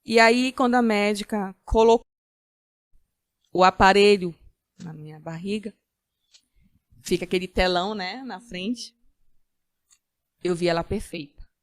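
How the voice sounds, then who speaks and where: A woman giving a personal faith-filled testimony as a podcast guest, earnest, with halting restarts. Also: mid-range voice, no echo, clean studio sound. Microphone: studio podcast mic.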